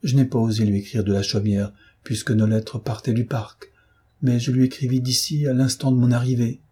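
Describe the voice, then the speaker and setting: A man's voice: mid-range voice, level tone, a little fast, mellow, slightly rough, close to an everyday voice. A male reader voicing a heartbroken young woman in an audiobook, speaking in anguished, impassioned outbursts.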